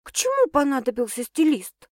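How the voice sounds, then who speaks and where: A woman's voice: moderate pace, no room sound, clean studio sound. A woman voicing an emotional, dramatic young woman who exclaims and protests, her voice raised above the narration. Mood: defensive. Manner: excitable, exclaiming, higher and louder than narration.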